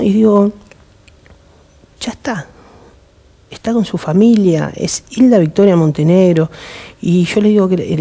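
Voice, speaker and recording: A man speaking as a guest on a TV interview, reflective and halting, with many restarts and pauses. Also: high-pitched, mellow.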